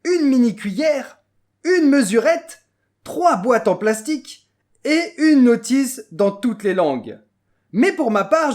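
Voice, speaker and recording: A performer with a French flair voices a cheerful nonhuman lab mascot that calls viewers humans, demonstrating a science toy in a scripted presentation. The delivery is bubbly, exclamatory and instructional, in a medium-pitched voice with a darkish tone.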